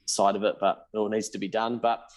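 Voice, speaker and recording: This lowish, level-toned voice belongs to a New Zealander in his thirties, a business founder and accountant guesting on a podcast. He speaks briskly, openly sharing his story, cursing casually and playing out past exchanges.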